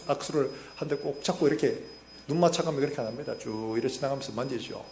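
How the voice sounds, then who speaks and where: A man, a pastor preaching a sermon in a church. He tells stories and acts out the quotes, getting louder and softer as he goes. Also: medium pitch, vocal fry. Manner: storytelling with acted-out quotes, rising and falling loudness. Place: church sanctuary. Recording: echoey church hall with faint hum.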